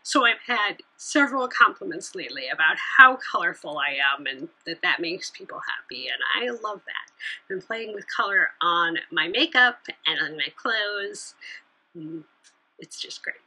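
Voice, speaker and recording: A woman's voice: lowish voice, lively intonation, moderate pace, sharp tone, breathy edge, low-quality recording. A woman hosting a knitting podcast, chatting casually on her own, laughing often and sometimes trailing off mid-sentence. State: hiccuping. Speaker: podcast host. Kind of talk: casual solo chat.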